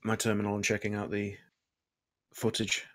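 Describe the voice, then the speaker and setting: A man with a fairly low voice chats as a tabletop game player, dry and teasing. The sound is very dry and close. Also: monotone, normal speed, a bit bright, no room sound. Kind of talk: casual tabletop game chat.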